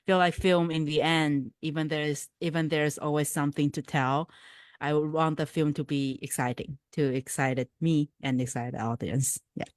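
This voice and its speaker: A woman's voice: deep voice, fairly even intonation, moderate pace, dry recording, clean studio sound. A woman from Taiwan, a filmmaker answering questions thoughtfully and often searching for words. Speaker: filmmaker and producer.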